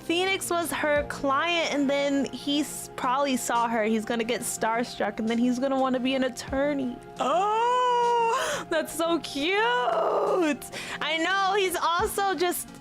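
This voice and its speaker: A woman streamer chatting casually while playing a game, bubbly and excitable, gushing, with game music behind her. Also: high voice, moderate pace, few pauses.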